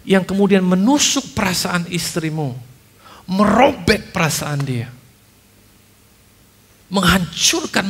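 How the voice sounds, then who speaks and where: Bright, high-voiced male pastor preaching. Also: vocal fry, husky, long reverb tail. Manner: animated storytelling with acted-out quotes and humorous asides; mixes English phrases into his preaching. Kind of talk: sermon.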